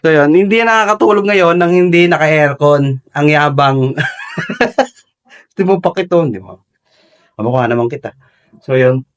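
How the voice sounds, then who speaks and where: Here the man's voice sits on the high side, and he talks a little slowly with frequent pauses. It's a relaxed home vlog from a bedroom with his small child; despite a stuffy cold, he's playful, teasing and often laughing.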